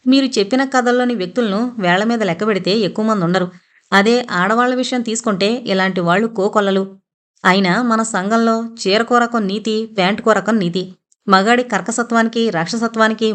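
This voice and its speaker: A woman's voice: mid-range voice, a little fast, lightly acted. A woman reading an audio novel, voicing a young man heatedly arguing a point. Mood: angry.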